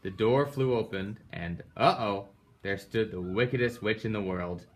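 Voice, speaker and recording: A man with a fairly low voice reads a children's picture book at a moderate pace, making it an animated, dramatic read-aloud full of emphatic sound-effect words.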